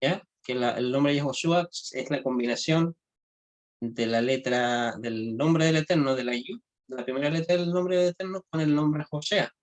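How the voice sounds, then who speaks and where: This Hebrew grammar teacher, a man with a slightly high voice, delivers an informal classroom lecture. He speaks haltingly, often restarting phrases, and keeps checking that students follow with frequent tag questions.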